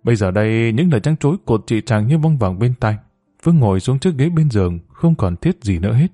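A man narrating an audiobook story in a steady, measured way. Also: medium pitch, dry recording, studio quality, faint music behind.

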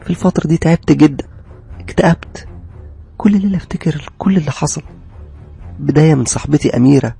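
A man with an Egyptian accent and a raspy voice narrating a horror story in a brooding, confessional first-person way. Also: on the high side, fast talker, long pauses, mellow, faint music behind.

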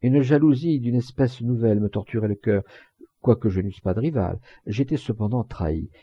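A man voicing a heartbroken young German girl who reproaches her lover in a slow, soft-spoken reading. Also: medium pitch, husky, dry recording, lo-fi sound, natural voice. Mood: hurt, tender.

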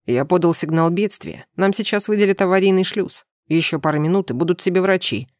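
A woman voicing a gentle alien husband who speaks in a low, quiet, reassuring way in an audiobook. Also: a little fast, no echo, studio quality, close to an everyday voice. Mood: urgent. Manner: soft, reassuring, lowered voice. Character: calm eared alien husband, gentle and soothing. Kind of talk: audiobook character voice.

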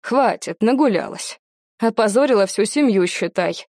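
A woman voicing a gruff, domineering middle-aged uncle who speaks slowly and heavily. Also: mid-range voice, expressive, darkish tone, dry recording, studio quality. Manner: slow, heavy, commanding.

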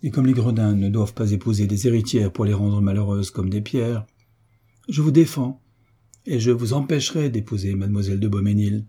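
A man's voice: lowish voice, fairly quick, warm tone, breathy edge. A man voicing a blunt, affectionate old navy veteran who speaks frankly and firmly. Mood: indignant. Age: older. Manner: frank, firm, plain-spoken.

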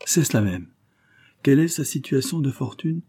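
A man's voice: medium pitch, lively intonation, moderate pace, breathy edge, pitched above the performer's own voice. A man reading an audiobook, voicing a scheming, coldly polite marquis who sneers and presses his threats. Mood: insinuating. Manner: sneering, insistent, rising to forceful outbursts.

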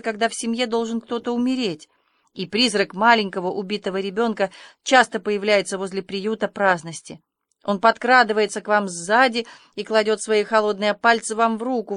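A dreamy, dramatic orphan girl, as a woman reader voices her gushes on in long, excited runs of words. Her voice sits at an ordinary middle pitch. The sound is close and dry, with no room around it. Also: dry recording, close to an everyday voice. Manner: breathless, effusive storytelling.

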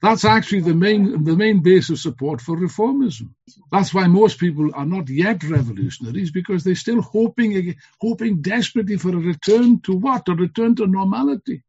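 A man's voice: high voice, expressive, moderate pace, a little mellow, breathy edge, lo-fi sound. A man giving a fiery revolutionary political speech, emphatic, with rhetorical questions and phrases repeated for weight. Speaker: political speaker at an online school.

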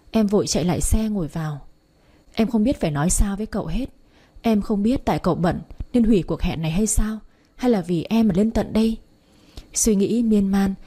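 A woman's voice: mid-range voice, warm tone, slightly rough. A woman reading a first-person romance story aloud, chatty and speaking straight to her listeners. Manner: chatty, addresses listeners directly. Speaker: story narrator.

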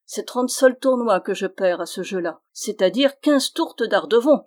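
A woman's voice: mid-range voice, expressive, a little slow, darkish tone, close to an everyday voice. A woman voicing an impish little male dwarf who mocks and teases in a raised, exuberant voice. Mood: teasing. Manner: teasing, exuberant.

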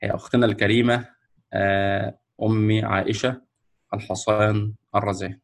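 A man with an Egyptian Arabic accent announces the winners of a Quran memorization course on a video call, speaking slowly and hesitantly, with many fillers and restarts. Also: on the low side, flat delivery, creaky. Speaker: ceremony host announcing winners. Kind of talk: ceremony announcement. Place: online video call presenting a screen.

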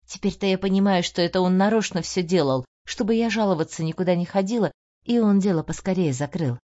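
Woman doing an eager young woman, earnest, lively raised voice, warm mellow tone, dull lo-fi sound. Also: fairly low pitch, fast talker, natural voice. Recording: dull lo-fi audio.

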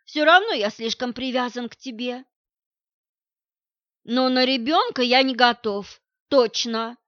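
A woman's voice: on the high side, measured pace, a bit bright, no echo. Audiobook figure: a cold, accusing man, read by a woman, harsh and cutting, in a dull lo-fi recording. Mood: cold contempt. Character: scornful man, cold toward his pregnant partner.

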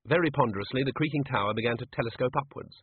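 A man narrating a story in a wry, measured manner. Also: mid-range voice, breathy edge, dry recording. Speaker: audiobook narrator. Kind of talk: scripted narration. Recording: tinny phone-like sound.

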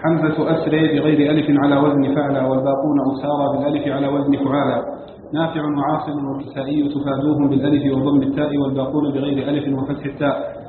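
Male student reader, rapid and flat, on a tinny recording with hall reverb. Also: mid-range voice, a little hiss or hum. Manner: rattles off lists in a monotone. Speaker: student reading the text aloud. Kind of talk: rapid reading of a scholarly text.

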